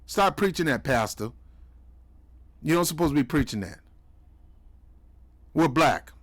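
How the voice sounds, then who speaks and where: Male commentary host, slightly high voice, preachy and mocking. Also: lively intonation, a little slow, a bit bright. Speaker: commentary host reacting to clips. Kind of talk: heated political commentary.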